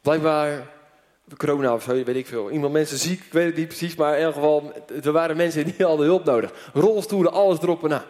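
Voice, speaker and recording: A man preacher telling a story in an animated sermon, full of fillers, before a church audience. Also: on the high side, fast. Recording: long hall reverb.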